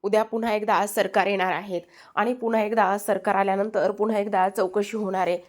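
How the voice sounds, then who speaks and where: A woman's voice: mid-range voice, level tone, brisk, lightly acted. Woman doing village headman dad, firm but caring, earnest, serial recap.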